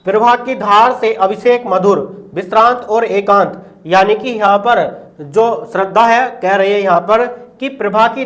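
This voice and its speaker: A man teaching a school exam lesson, explaining poem lines one by one and repeating the same check-in phrase again and again. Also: high voice. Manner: repeats "ठीक है" constantly, explains line by line.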